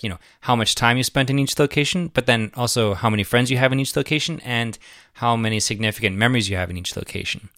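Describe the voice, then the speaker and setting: A man with a low, grounded voice hosts a podcast in a loose, conversational style. He rambles and laughs easily as ideas take shape. His voice is dry and close, with hardly any room sound. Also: fairly bright tone, no room sound. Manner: rambling, enthusiastic, laughs often. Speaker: podcast host. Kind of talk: casual conversational interview.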